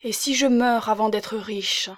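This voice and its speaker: A woman voicing a meek, melancholy young male artist in exile, in a gentle, plaintive tone. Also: a little high, steady tone, a little slow, dry recording, clean studio sound, pitched above the performer's own voice, natural voice. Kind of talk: audiobook character reading.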